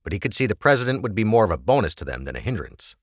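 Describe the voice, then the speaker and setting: A man's voice: on the low side, sing-song, very fast, no echo. A man narrating an audiobook with a dramatic, varied delivery on a close microphone.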